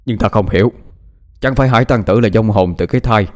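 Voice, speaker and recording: A man voicing a furious, defiant young hero who shouts insults at his captors in an audiobook story. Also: on the low side, fast, close to an everyday voice. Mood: probing.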